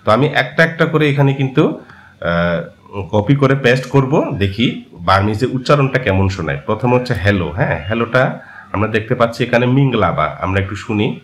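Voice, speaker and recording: A man whose first language is Marma, patiently explaining a screen-share language lesson and often pausing to hesitate. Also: medium pitch, animated. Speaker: language course teacher.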